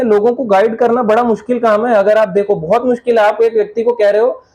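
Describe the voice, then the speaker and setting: A man with a notably high voice delivers a devotional lecture. He talks in a relaxed, conversational way, weaving in funny anecdotes and laughing at his own jokes. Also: low-quality recording. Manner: chatty, jokey, laughs at own stories. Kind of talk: Hindi spiritual lecture with anecdotes.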